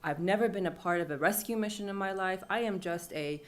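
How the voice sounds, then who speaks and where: A young woman from Iran speaks briskly in a mid-range voice as a panel speaker at an event. She tells a personal story in a casual, conversational way, with filler words.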